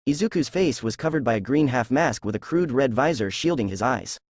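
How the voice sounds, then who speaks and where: A man reading a fan fiction story aloud in a steady storytelling voice. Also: mid-range voice, brisk, no echo, clean studio sound. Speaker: narrator.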